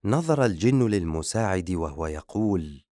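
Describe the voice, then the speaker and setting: A man narrating an audiobook in a steady, measured reading. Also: low-pitched, no room sound, studio quality. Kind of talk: scripted narration.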